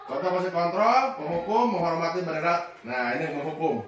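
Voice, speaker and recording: A man's voice: a little high, lively intonation, quick pace, fairly bright tone. A male teacher, explaining a training module and now and then acting out teacher and pupil lines. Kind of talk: classroom presentation. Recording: very echoey room, mic far off.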